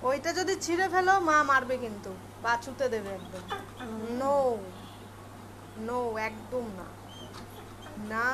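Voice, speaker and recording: High-voiced woman scolding her pet. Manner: scolding and coaxing in baby talk. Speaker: pet owner. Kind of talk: home video, talking to a pet. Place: home at night. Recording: noisy home recording with dog sounds. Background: dog barking and whining.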